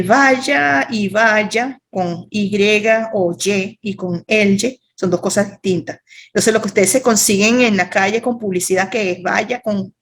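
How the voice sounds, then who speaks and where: A woman's voice: mid-range voice, slight background noise. A woman with a Venezuelan accent teaching a writing workshop over a video call, chatty and playful, with asides to her students.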